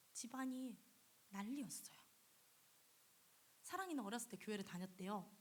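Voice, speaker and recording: Woman youth preacher, higher voice, husky, storytelling sermon with hushed whispered stretches. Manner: storytelling with soft, whispery passages, voicing quoted prayers. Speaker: youth pastor.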